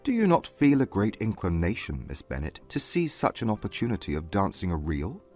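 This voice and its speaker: Deep, husky, proud gentleman. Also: huge pitch swings, faint music behind, heavily acted. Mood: courteous, guarded. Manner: stiff, measured, courteous. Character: proud, formal, reserved young gentleman of Regency England. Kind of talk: dramatized audiobook dialogue.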